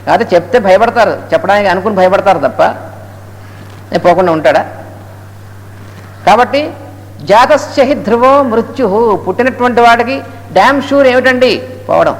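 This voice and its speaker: A man giving a spiritual discourse on a scripture, telling its story and chanting Sanskrit verses slowly between quick explanations. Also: high-pitched. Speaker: Gita lecturer. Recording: echoey hall with faint noise.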